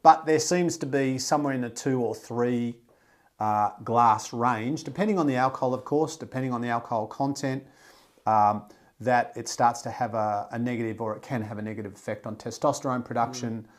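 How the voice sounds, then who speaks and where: A man's voice: medium pitch, brisk. A man hosting a podcast, talking bluntly and emphatically, swearing freely. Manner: restarts and fillers, animated delivery. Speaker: podcast host. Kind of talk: casual podcast conversation.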